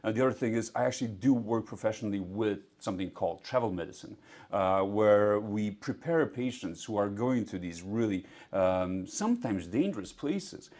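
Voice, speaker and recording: Being interviewed at a Warsaw clinic, a young Polish doctor who grew up in Singapore explains himself earnestly, with the odd filler. He speaks at a normal speed, animated, his fairly low voice a little mellow.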